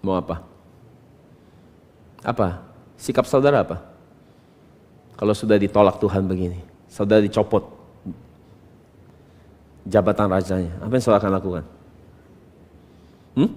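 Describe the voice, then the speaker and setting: A man's voice: low voice, moderate pace, long pauses. Man preaching in a reverberant hall. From Indonesia. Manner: animated preaching, rhetorical questions, rising to loud emphatic bursts. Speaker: pastor. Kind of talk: sermon.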